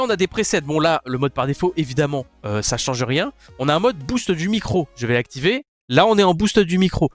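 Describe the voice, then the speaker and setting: A man's voice: a little high, no room sound. A man casually reviewing a headset, talking through a headset mic in a crude, joking, rambling way. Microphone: gaming headset mic.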